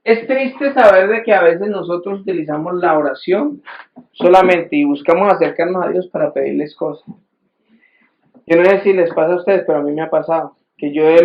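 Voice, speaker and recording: A man's voice: sits high, roomy sound, highs cut off. A man preaching a sermon in a conversational way, often restarting sentences and acting out quoted voices. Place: church hall.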